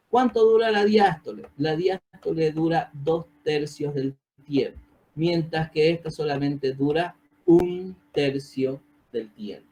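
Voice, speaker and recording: A man's voice: fairly high pitch, dark tone. A man giving an online medical lecture over a video call, often checking in with the class and quizzing students. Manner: asks the class questions, checks with "¿sí?". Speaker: physiopathology lecturer. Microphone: computer mic on a video call.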